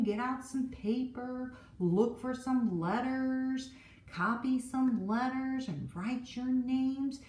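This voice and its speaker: A woman teacher reading a picture book to young children in a gentle, encouraging way. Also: on the high side, far from the mic. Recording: roomy echo.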